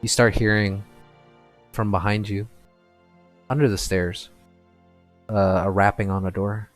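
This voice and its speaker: A man narrates a tabletop game as game master in a low voice. He talks in a halting, filler-heavy way. Soft music sits quietly behind him. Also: flat delivery.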